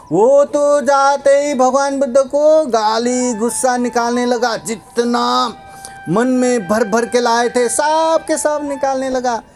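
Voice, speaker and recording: A Buddhist monk gives a storytelling sermon in a high, light voice. He speaks slowly and repeats his phrases, often pausing to check in with his listeners. Soft music plays faintly behind him.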